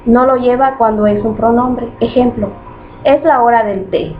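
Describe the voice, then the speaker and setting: A woman with a fairly high voice reads grammar rules and examples carefully and deliberately. The sound is thin and phone-like, with a faint hiss in the background. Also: steady tone. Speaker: student presenter. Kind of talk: reading a grammar lesson aloud. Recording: tinny phone-like recording with faint noise.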